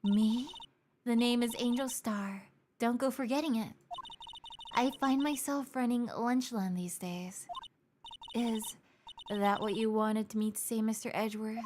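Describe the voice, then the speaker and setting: A woman's voice: fairly high pitch, fairly even intonation, a little slow, noisy background, natural voice. A woman voicing a brash, sassy lunch-stand owner with an airy voice in a game reading.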